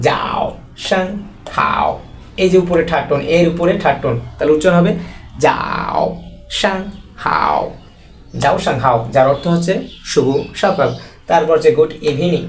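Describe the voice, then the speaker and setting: A man with a Bangladeshi Bengali accent teaching an online language lesson, explaining slowly and repeating each phrase with drawn-out model pronunciations. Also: a little high, a little mellow.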